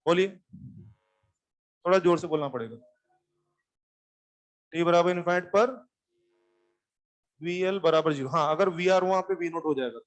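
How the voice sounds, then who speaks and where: A man teaching physics to a live class, explaining circuits step by step, repeating points and telling students to sit down and listen. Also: high voice. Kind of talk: classroom lecture.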